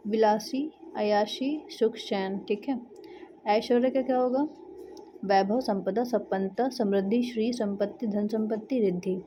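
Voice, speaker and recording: A woman's voice: fairly high pitch, warm tone, slight background noise. A woman teaching exam vocabulary, reading through synonym lists and checking in with her students as she goes. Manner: runs through word lists, with frequent "theek hai" checks.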